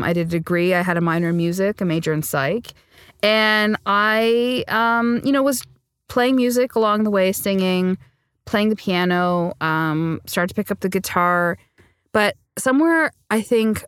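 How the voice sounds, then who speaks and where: A woman singer-songwriter speaks earnestly in an interview, with a lowish, smooth, resonant voice. She tells her story reflectively and laughs easily. The sound is dry and close. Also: no room sound. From Sri Lanka. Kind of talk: conversational interview.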